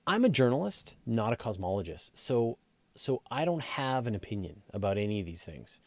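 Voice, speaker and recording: Very animated at a medium pitch and normal speed, a science journalist with a darkish tone hosts a casual live astronomy Q&A in a dry recording. He reads questions and answers conversationally on the fly, thinking aloud and rephrasing.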